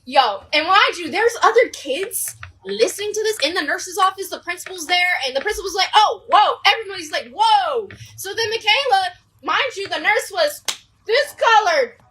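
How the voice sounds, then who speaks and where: A young woman tells a storytime vlog in an animated, slangy way, swearing and addressing her viewers directly. Her voice is very high and bright. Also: moderate pace, low-quality recording. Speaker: vlogger.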